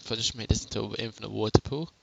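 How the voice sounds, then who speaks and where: Young male gamer, gravelly, chatty home-recorded tutorial voice. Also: on the low side, steady tone, rapid-fire, low-quality recording. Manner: rambling, self-correcting, chatty. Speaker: game tutorial narrator. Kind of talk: casual gameplay tutorial. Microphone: headset.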